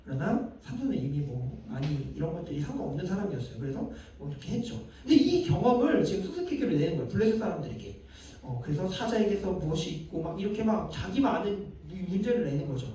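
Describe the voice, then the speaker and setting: Addressing a young adults group, a male pastor keeps things conversational, putting questions to the audience and performing the lines he quotes. His high-pitched, mellow voice swings widely in pitch at a quick pace with hardly any pauses, heard from afar in an echoey room.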